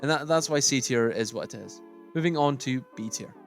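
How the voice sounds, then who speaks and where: A man's voice: medium pitch, animated, a little fast, faint music behind. A man giving casual, opinionated tier-list commentary, thinking aloud as he sorts. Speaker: gaming YouTuber.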